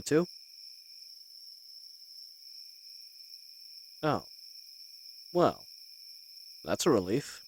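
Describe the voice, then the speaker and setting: A man's voice: mid-range voice, darkish tone. A man playing a roguish, good-humoured bandit leader in a fantasy audio roleplay, talking in a folksy, teasing and hesitant way. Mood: wry, accepting.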